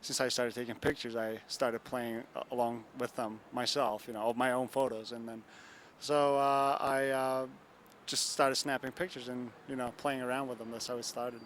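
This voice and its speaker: Interviewed at a bar and grill, the young photographer from Turkey gives loose, rambling answers full of fillers and "you know what I'm saying." He talks at normal speed in a flat, mid-range, slightly bright voice, with a little hiss or hum audible.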